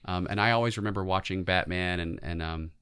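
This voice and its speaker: A man's voice: deep voice, a little fast, pushed and bright, clear, resonant tone. A man in his forties co-hosting a podcast, chatting casually about pop culture. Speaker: podcast co-host.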